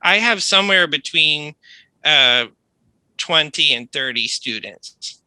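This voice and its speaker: An American man, an accent coach, explaining things in a measured, polite conversational way. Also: fairly high pitch, expressive, sharp tone, clean tone, dry recording, rough recording. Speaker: accent coach, online tutor.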